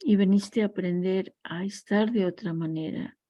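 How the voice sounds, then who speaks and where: A woman lectures a class on family constellations, reflecting aloud and drawing on parables and her own stories. She speaks at a normal pace in a dark, mid-range voice, and the recording is dry and muffled.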